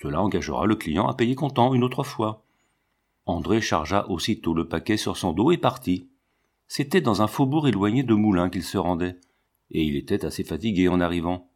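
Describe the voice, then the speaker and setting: Man narrating a storybook, low voice, measured and even. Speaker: audiobook reader. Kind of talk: scripted narration.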